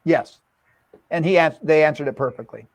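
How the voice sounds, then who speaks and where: A man's voice: fairly high pitch, normal speed. A man giving an enthusiastic online dental lecture, quizzing his audience with repeated questions.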